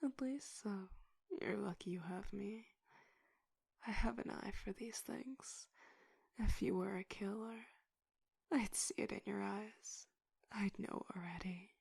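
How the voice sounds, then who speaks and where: A woman playing a stern, condescending tough-cop detective in an interrogation, in a whispered role-play with a breathy voice and slow, intimidating delivery. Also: mid-range voice, a little mellow, no room sound, exaggerated voice. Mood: confident, condescending.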